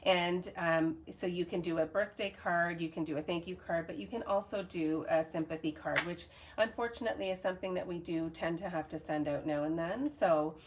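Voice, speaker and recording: A woman's voice: on the low side, steady tone, normal speed, hardly any pauses, a little hiss or hum. An adult woman from Canada, chatting casually through a live cardmaking tutorial, upbeat and reading viewer comments aloud. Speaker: cardmaking demonstrator.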